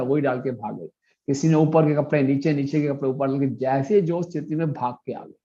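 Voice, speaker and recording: A man's voice: mid-range voice, a little mellow, muffled recording. A male preacher telling a devotional story, acting out the characters' dialogue as he goes.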